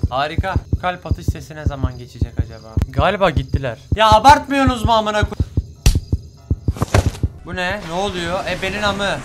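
A young man commentating his own horror game playthrough, swearing often, bursting into yells and slipping into English curses. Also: high-pitched, brisk, over loud music. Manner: excitable, swears a lot, sudden yelling outbursts. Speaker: gaming channel host. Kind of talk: let's play commentary.

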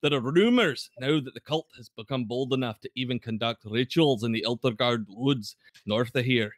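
A man's voice: medium pitch, normal speed, dry recording, clean studio sound, close to an everyday voice. A man voicing a commanding male paladin leader who gives a rallying speech to a small gathering.

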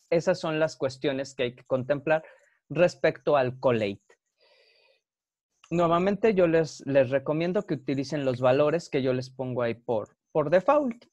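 Slow, patient lecturer. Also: male voice, mid-range voice, a little mellow, no room sound. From Mexico. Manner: patient, explanatory, often checks understanding with "ok?". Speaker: university lecturer. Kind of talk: online class lecture.

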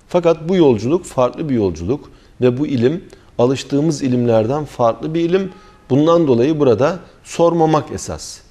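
A middle-aged man giving a religious lecture on scripture, speaking with deliberate care and pausing often as he thinks. His voice is mellow and warm, sitting at an ordinary male pitch. He sounds like a teacher patiently explaining verses to a class. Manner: measured explanatory delivery with frequent hesitations; recites Arabic verses then translates. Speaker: Quran commentary teacher.

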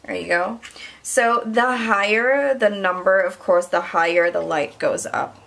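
A chatty young woman talks through a casual hair tutorial on her camera mic at home. Her middle-pitched voice has a gravelly, creaky edge. She keeps calling her viewers "you guys". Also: unhurried, a bit bright. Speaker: beauty vlogger.

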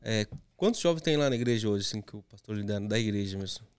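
A man hosting a podcast asks his guest questions politely and respectfully. His voice is fairly low and smooth. He speaks at a brisk pace. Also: expressive, dry recording. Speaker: podcast host. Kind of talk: interview questions.

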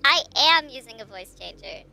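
Through a voice changer masking their actual voice, this game streamer sounds high-pitched, bright and pushed, with big pitch swings and vocal fry at a normal pace. Faint music plays behind the casual, chatty live commentary as they think out loud and ask chat what to do.

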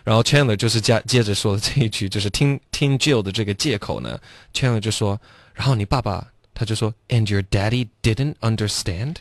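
Low-voiced male radio English teacher. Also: no room sound, clean studio sound. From United States. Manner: slow, drawn-out demonstrations of English phrases. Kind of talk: radio language lesson. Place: radio studio. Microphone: studio microphone.

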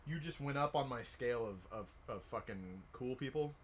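A man's voice: medium pitch, animated, normal speed, slight background noise. An American man chatting casually on a livestream, rowdy and jokey, swearing freely. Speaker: live streamer. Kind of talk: casual, profane livestream chat.

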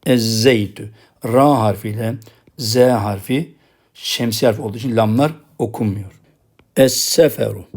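Male teacher with a Turkish accent. Recorded lesson, slow drilled pronunciation, quick explanations. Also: fairly low pitch, darkish tone, husky. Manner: pronounces each example word slowly twice, then explains quickly. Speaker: Arabic writing teacher.

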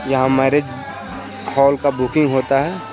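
Walking around a hotel's outdoor pool and garden, a young Bihari vlogger with a Bihari Hindi accent gives an enthusiastic tour, pointing out one thing after another. He speaks at medium pitch and normal speed. The casual clip is shot on an arm's-length phone with a clip-on mic, with a loud crowd and music behind him.

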